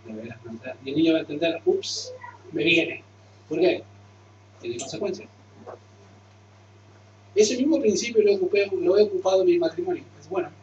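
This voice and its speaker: A male pastor preaches in a relaxed, conversational way, keeps asking questions and answering them himself, and speaks a bit high for a man. He sounds set back from the mic in a roomy hall. The sound is muffled, with faint ambience behind him. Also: normal speed, pauses often, recorded from a distance, slight background noise. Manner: conversational, asks and answers his own questions. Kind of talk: sermon with closing prayer.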